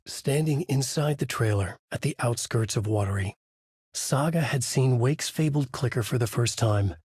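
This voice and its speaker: Narrating a noir horror thriller, an actor voices a brooding, haunted male writer, his delivery measured, grave and dramatic with a husky edge. The voice sits in the mid-range and is a little mellow. It's a studio-quality recording with no room sound.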